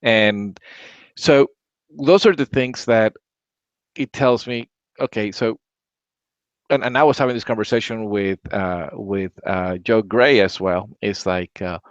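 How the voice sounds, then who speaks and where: Casual tech-podcast host, Latin American man, rambling and low-pitched, dull lo-fi sound. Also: a little slow, no echo. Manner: rambling, repeats words, many "right?" tags. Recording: dry, dull lo-fi audio.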